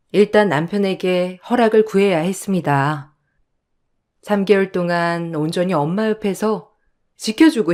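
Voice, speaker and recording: A woman's voice: lowish voice, a little mellow. A woman reading a first-person story aloud and voicing herself in emotional radio-drama scenes. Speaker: narrator and heroine.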